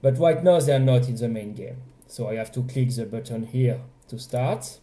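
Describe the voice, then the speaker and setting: A young man with a French accent talks through his game project in a relaxed video-diary way. His voice is very dark and mellow, and he often stops to correct his words as he goes. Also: medium pitch, moderate pace. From France. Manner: hesitant, self-correcting, chatty. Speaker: indie game developer. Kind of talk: casual devlog walkthrough.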